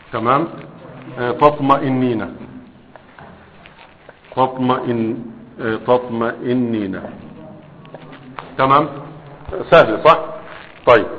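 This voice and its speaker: A man teaching an Arabic grammar lesson to students, with an Egyptian accent, drilling verb forms slowly and checking in with "right?" and "huh?". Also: medium pitch, big-room sound, phone-quality sound, a little hiss or hum.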